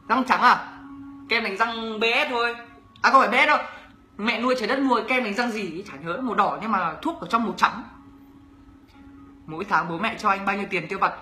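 A man's voice: high-pitched, sharp tone, reverberant. A young man from northern Vietnam with a Northern Vietnamese accent, chatting casually on a livestream, reading viewers' comments aloud and teasing them as he answers. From Bac Ninh, northern Vietnam. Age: young adult. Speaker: YouTuber answering viewer questions.

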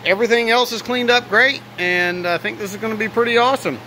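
High, bright-voiced man talking over a fan. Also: fast talker, rough recording. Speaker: auto detailer presenting own work. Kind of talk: casual narrated walkaround vlog. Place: garage workshop, indoors. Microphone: handheld phone camera, operator behind it. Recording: steady fan noise in workshop. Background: running fan.

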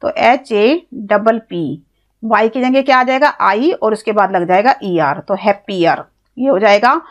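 A woman's voice: medium pitch, measured pace, dull audio. A woman with an Indian accent teaching an English grammar lesson, explaining step by step, spelling words out letter by letter, and asking questions that she then answers herself. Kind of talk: classroom-style grammar lesson.

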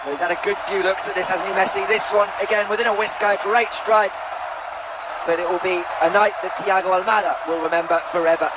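A man's voice: high-pitched, steady tone, fairly quick. A man giving analytical co-commentary on a football match. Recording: loud stadium crowd noise behind voice.

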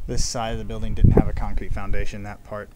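A man calmly narrating as he explores an abandoned building, talking matter-of-factly with pauses, recorded on a handheld camera. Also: on the low side. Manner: calm, matter-of-fact narration with filler pauses. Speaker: urban explorer. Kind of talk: walking commentary. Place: outdoors and in an abandoned barn-like building. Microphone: handheld camera mic. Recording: handheld camera, clear background noise.

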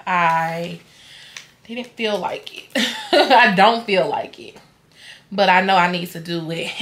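Slight background noise accompanies this young woman's medium-pitched, sharp-toned voice. A vlogger at home at night, she rambles tiredly in casual chat to the camera and her dog, often trailing off to herself.

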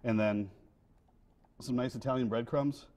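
Man, 30s, mellow dark voice, casual cooking chat, studio kitchen, lapel mic. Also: medium pitch, measured pace, slight background noise. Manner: relaxed, many fillers and restarts. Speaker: winery guest cook.

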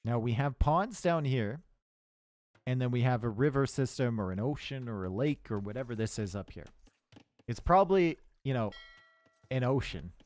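A Canadian-accented esports caster gives chatty, joking live commentary on a match, bantering with chat and using dry sarcasm, then shouting loudly and excitedly in tense moments. His voice is medium-pitched at normal speed, with no room sound.

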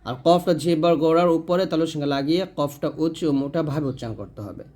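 A man teaching Quran pronunciation, sounding out each Arabic letter slowly and then explaining how the tongue and throat should move. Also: on the high side, darkish tone. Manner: self-corrects mid-lesson.

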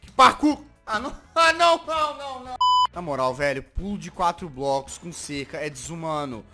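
A man with a Brazilian Portuguese accent giving excitable Minecraft parkour gameplay commentary as a gaming video host. He swings from muttering to frustrated yelling. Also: fairly high pitch, normal speed, over loud music.

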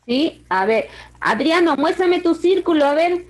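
A woman teaching a kindergarten class over a video call. She coaxes the children in a sing-song way and stretches words out slowly. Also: extremely high pitch, animated. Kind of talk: online class for small children.

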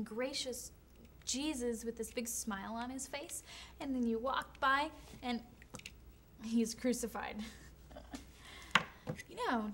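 A woman's voice: fairly high pitch, noisy background. An actress playing a ditzy, tactless young woman who rambles in an airheaded way, on a studio set. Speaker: actor. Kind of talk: sitcom acting.

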